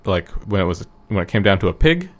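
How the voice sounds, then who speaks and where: A man with a very low, deep voice talks in casual chat. He rambles, hesitates and restarts his sentences often, filling gaps with ums. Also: sing-song, quick pace. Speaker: guest recounting an event.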